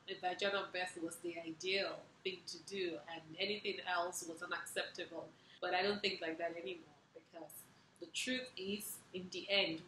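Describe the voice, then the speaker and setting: A young adult woman hosting a casual personal vlog, telling stories in a chatty, expressive way. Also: on the low side, a little hiss or hum. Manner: chatty and expressive, recounting with emotion and laughter. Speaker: vlog host. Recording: roomy echoey room.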